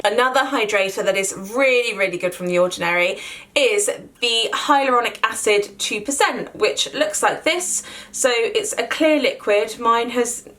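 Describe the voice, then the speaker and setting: A woman's voice: mid-range voice, a bit bright. A woman in her twenties giving a casual, chatty skincare review, often doubling words for emphasis and filling gaps with "like". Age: 20s. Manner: chatty, repeats words for emphasis, many fillers. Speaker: beauty vlogger.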